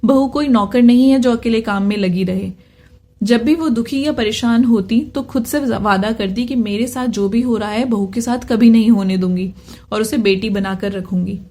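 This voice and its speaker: Higher-pitched woman reading a story. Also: moderate pace, mellow. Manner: reads every character's lines in her own voice. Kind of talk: scripted narration.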